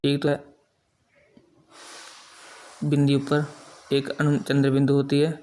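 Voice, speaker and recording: A middle-aged man teaching a grammar lesson, explaining slowly and drawing out example sounds one by one. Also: mid-range voice, monotone, a little mellow. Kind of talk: classroom-style grammar lesson.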